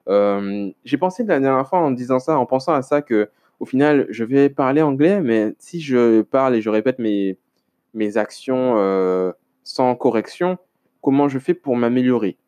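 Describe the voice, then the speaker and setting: A man's voice: mid-range voice, expressive, normal speed, mellow, clear, resonant tone. A man hosting a casual solo podcast, rambling and hesitant with many restarts and self-mocking asides. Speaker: podcast host.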